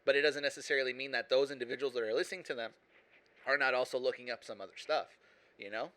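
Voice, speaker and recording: A man's voice: mid-range voice, fast, a bit bright, low-quality recording. A man hosting a casual podcast chat, talking emphatically and pressing his points. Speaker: podcast host.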